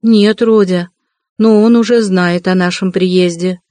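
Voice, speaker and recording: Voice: mid-range voice, steady tone, unhurried, warm tone, no echo, close to an everyday voice. A reader voicing a timid, tearful elderly mother who pleads in a raised voice. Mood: anxious pleading.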